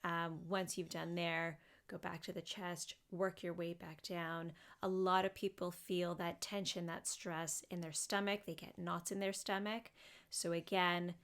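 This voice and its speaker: A woman psychotherapist talking through a guided body scan meditation in a gentle, unhurried way, with frequent fillers. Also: fairly low pitch, level tone.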